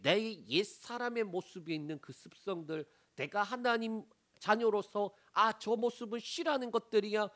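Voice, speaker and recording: A male pastor delivering a sermon, acting out whispered prayers and raised complaints to make his point. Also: high-pitched. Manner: animated, acts out prayers in a hushed whisper, then bursts into raised complaint.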